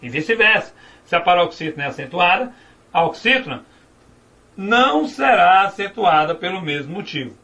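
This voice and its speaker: A man's voice: sits high, big pitch swings, normal speed, pushed and bright, distant mic. A male teacher giving a grammar lesson at a whiteboard, explaining step by step and asking and answering his own questions.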